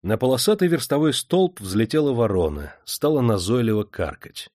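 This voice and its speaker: A man's voice: medium pitch, sing-song, normal speed, darkish tone, no room sound, clean studio sound. A man reading an audiobook aloud, expressively narrating.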